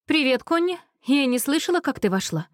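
A woman voicing a busy, friendly mother with a brisk manner. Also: sits high, expressive, no echo, studio quality, voice pushed up.

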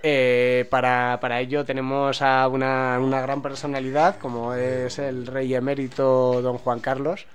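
A man hosting a year-end radio show, joking and halting with fillers and restarts. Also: medium pitch, flat delivery, slight background noise. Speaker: host. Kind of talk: casual radio chat. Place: small radio studio.

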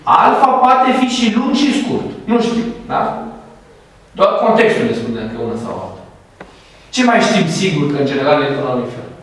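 Guy teaching a uni class, high bouncy voice, keeps quizzing students, boomy echoey room from far off. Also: very animated, fairly bright tone. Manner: explains step by step, quizzes students, tags points with "right?". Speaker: university lecturer in classical philology. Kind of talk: classroom lecture on Latin and Greek verse meter. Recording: echoey classroom, distant mic, faint hiss.

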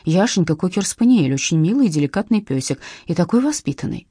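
A woman voicing a brisk, sharp-tongued young woman friend who speaks coolly and impatiently, in an audiobook. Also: fairly low pitch, sing-song, breathy edge, no echo, studio quality. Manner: cool and impatient.

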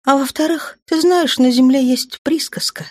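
A woman voicing a spirited grown woman commander and caring mother, with a lively, brisk delivery in an audiobook. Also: high-pitched, voice pushed up, natural voice. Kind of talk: audiobook character voice.

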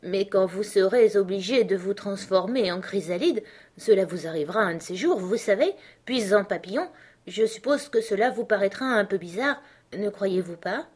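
A woman's voice: medium pitch, moderate pace, darkish tone, breathy edge, pitched above the performer's own voice, natural voice. A woman voicing timid polite young girl Alice. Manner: hesitant, polite, pleading. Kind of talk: audiobook character reading.

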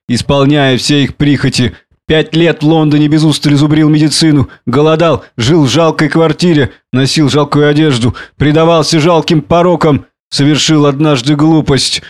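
Casting: a man playing a drunk, self-pitying ex-doctor, ranting high and loud. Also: close to an everyday voice. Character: drunken bitter ranting male exile doctor. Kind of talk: audiobook reading.

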